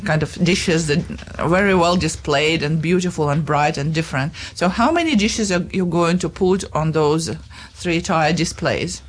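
A woman hosting a casual interview, chatty and quick to laugh. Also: low voice. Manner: chatty, laughing easily, with many fillers. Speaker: radio host.

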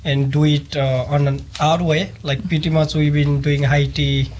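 A man's voice: on the high side, flat delivery, normal speed, a little mellow, slight background noise. A man from Nepal, a sous chef, explaining things hesitantly with many fillers in a casual interview.

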